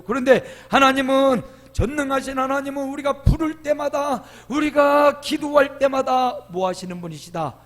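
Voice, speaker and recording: A middle-aged man preaching a sermon as pastor, emphatic, with loud swells and lively quoted voices, recorded in a church sanctuary. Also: sits high. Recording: long hall reverb.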